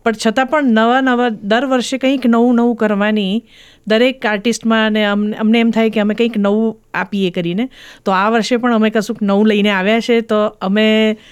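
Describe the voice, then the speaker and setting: A woman's voice: mid-range voice, smooth. A woman singer guest on a studio radio interview, talking enthusiastically with devotional phrasing.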